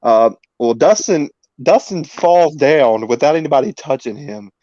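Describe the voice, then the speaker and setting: A man's voice: fairly high pitch, lively intonation, normal speed, dark tone, dry recording. Young man telling stories, dull dry mic. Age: 20s. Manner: storytelling, laughs through anecdotes. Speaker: podcast host. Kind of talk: casual chat.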